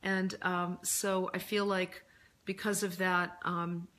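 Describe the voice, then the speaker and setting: Hoarse from laryngitis, this middle-aged woman speaks deeper than she normally would while running an informal live chat. Her replies to reader comments are soft and reflective, full of pauses and ums, delivered in an even tone.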